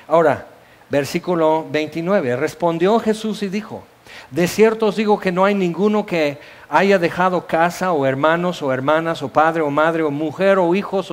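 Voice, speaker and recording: A middle-aged man with a Mexican accent preaching a sermon, telling stories with sound effects and asides. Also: high voice.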